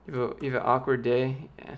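Speaking fast and with little pitch movement, a late-twenties man reads out viewers' questions during a casual stream and answers them in a loose, wandering way. His youthful, light voice squeaks now and then, though the audio sounds dull. He's in a small home office, right up against a big studio microphone fitted with a pop filter.

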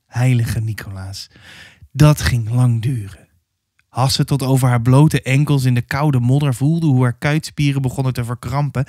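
A man reading a historical novel aloud with steady, dramatic storytelling. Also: medium pitch, no echo, studio quality. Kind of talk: audiobook narration.

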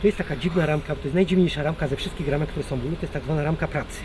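A man in his fifties gives an informal, practical explanation as a beekeeper. His voice sits a little high, and it is recorded outdoors with clear background noise and insects buzzing. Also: very fast. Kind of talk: informal explanatory talk to camera while working. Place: open rooftop apiary, outdoors. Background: bees buzzing, outdoor ambience.

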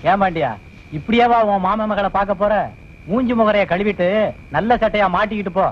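A man's voice: high voice, fairly quick, a little hiss or hum, natural voice. An actor playing a fussy, teasing old village man who exclaims a lot in 1980s film dialogue. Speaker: village elder helping milk a cow. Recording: dull lo-fi film soundtrack.

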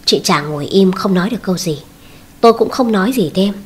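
A woman reads a family story aloud in a steady, even narration with a slightly husky voice. Her pitch sits in the middle of her range. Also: fast talker.

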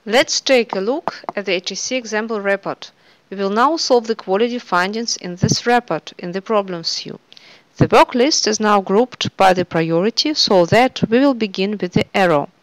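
A woman narrating a software screencast tutorial in a steady instructional way. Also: mid-range voice, moderate pace, no echo, rough recording.

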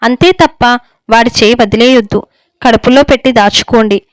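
A woman's voice: fairly high pitch, normal speed, no echo, lightly acted. A woman reading the lines of an anxious older mother who pleads with her husband for her son. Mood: pleading. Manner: pleading, tearful. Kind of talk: story reading.

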